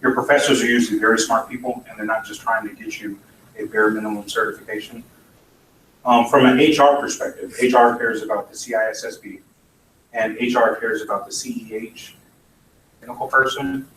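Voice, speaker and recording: A man gives a blunt, opinionated conference talk with dry asides, his fairly low voice steady, brisk and a bit bright. He's recorded in an echoey conference hall from a distant mic, with faint noise.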